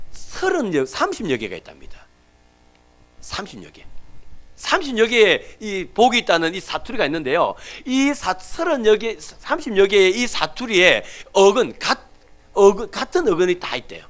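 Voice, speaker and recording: Animated Gyeongsang-accented male pastor. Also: high-pitched. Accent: Gyeongsang Korean. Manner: animated storytelling, acting out everyday people, dropping to near whispers for emphasis. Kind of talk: sermon.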